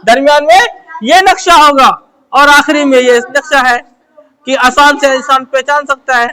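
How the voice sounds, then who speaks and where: A woman with a high voice teaches how letters are written, step by step. She keeps asking quick questions and answering them herself. She repeats her phrases as she works through each shape. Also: pushed and bright. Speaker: Urdu teacher. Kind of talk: letter-by-letter script lesson.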